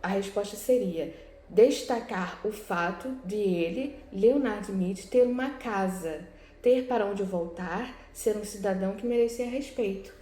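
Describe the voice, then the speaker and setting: A woman's voice: mid-range voice, a little slow, mellow. A woman teacher with a Brazilian Portuguese accent explains exercises step by step, often checking in with her students. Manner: explanatory, frequent "né?" and "tá?" check-ins. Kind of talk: recorded class lesson, correcting exercises. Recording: echoey room with faint background noise.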